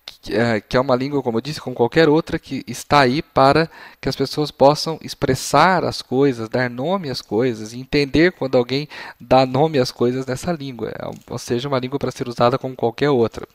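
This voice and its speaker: A man teaching Latin for young children to parents, patient and explanatory, his voice slightly failing as he often clears his throat. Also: medium pitch, no echo. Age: adult. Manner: patient and explanatory, models phrases slowly. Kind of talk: explanatory lesson.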